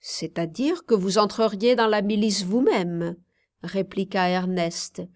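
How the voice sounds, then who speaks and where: A woman reading a novel aloud in slow, measured narration, raising her tone for the dialogue. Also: medium pitch, a little mellow. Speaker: audiobook reader. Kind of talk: scripted narration.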